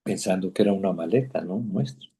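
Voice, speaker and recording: A man giving an earnest, halting personal testimony in a Bible class, repeating phrases. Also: low-pitched, warm tone.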